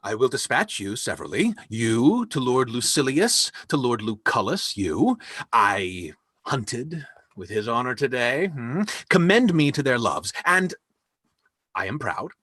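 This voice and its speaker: Man as a grand spendthrift lord in a stage play: slow, husky, very animated verse, dry home mic. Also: medium pitch, no room sound, exaggerated voice. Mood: commanding. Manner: slow, lively, emphatic verse speaking. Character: lavish generous nobleman facing ruin. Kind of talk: live online reading of a stage play. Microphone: home microphone on a video call.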